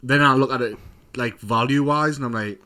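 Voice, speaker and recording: A young man co-hosting a casual podcast, his voice sitting at an ordinary middle pitch. He talks in a loose, rambling way, stringing thoughts together with plenty of fillers. The tone stays relaxed and conversational. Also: normal speed. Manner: laid-back, rambling with fillers, laughs often. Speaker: podcast co-host. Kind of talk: casual chat.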